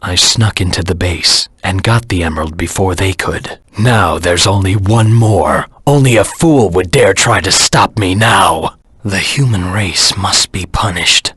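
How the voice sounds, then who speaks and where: A man voicing a brooding, vengeful hedgehog antihero in a video game, with a gravelly, husky voice and a terse, solemn, menacing delivery. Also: deep voice, unhurried, a bit bright, no echo, exaggerated voice. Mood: menacing, defiant. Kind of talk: video game character voice acting.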